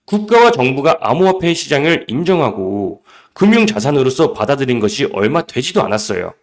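Animated man giving crypto market commentary. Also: medium pitch, fairly quick.

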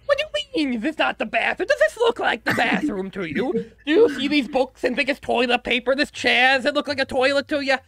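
A man's voice: extremely high pitch, very animated, creaky, voice pushed up, full character voice. A man voicing an easily offended male skeleton in a red robe, speaking with a Boston accent and firing off indignant questions. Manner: indignant, loud, rapid-fire questions.

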